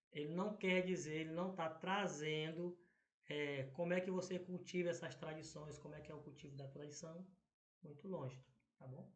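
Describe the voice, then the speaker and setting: A man's voice: fairly high pitch, echoey room. A Brazilian Portuguese-speaking male teacher going through exam questions, often checking in with "tá?" and "né?". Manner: filler-heavy, frequent "tá?" and "né?" checks.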